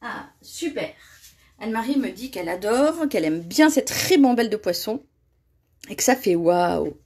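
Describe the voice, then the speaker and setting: A woman's voice: medium pitch, very animated, normal speed, darkish tone, slightly rough. A woman giving a live card-making tutorial, chatty and often laughing as she reads viewer comments aloud. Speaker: crafting demonstrator.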